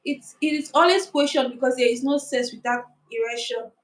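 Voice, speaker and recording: High-voiced woman hosting a live chat. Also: fairly quick, low-quality recording. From Africa. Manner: animated, talks to live viewers, many restarts and asides. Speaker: host. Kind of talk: casual live-stream commentary.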